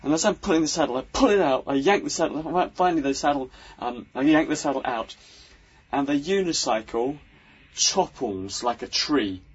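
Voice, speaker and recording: This podcast host and unicycle performer has a fairly high, animated, slightly rough voice at normal speed. He rambles through a casual story, hesitant and full of ums and false starts. The sound is lo-fi.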